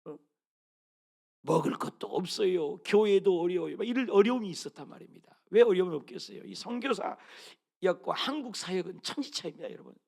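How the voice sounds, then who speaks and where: A middle-aged man preaching a sermon in a high voice with a gravelly edge. His pitch leaps and dips constantly as he moves between loud calls and soft, hushed asides. He keeps asking his listeners questions as he goes. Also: animated, fairly quick. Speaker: pastor.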